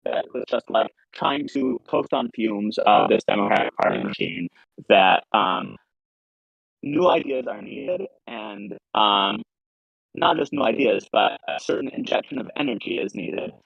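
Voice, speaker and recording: A man argues politics over a live call-in line. His audio has broken down into a glitchy, robotic, metallic distortion. Underneath it his voice is gravelly and husky, on a dull, lo-fi connection. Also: lowish voice, animated, measured pace, no echo. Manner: argumentative, critical. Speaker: guest caller.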